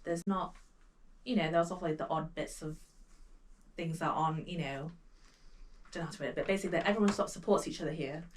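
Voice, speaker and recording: A woman's voice: low voice, steady tone, a little fast, pauses often. A woman talking as a guest on a podcast, easygoing and chatty with many fillers. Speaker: podcast guest, food blogger. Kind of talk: casual chat. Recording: somewhat distant mic with faint noise.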